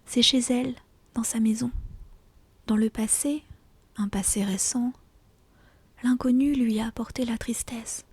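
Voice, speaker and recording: A woman reads fiction aloud in a breathy ASMR whisper. Her delivery is slow and deliberate, with a soft, dark tone. The sound is close and dry, like an intimate audiobook. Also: fairly high pitch, steady tone, no echo. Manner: slow, hushed, deliberate storytelling. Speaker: audiobook reader.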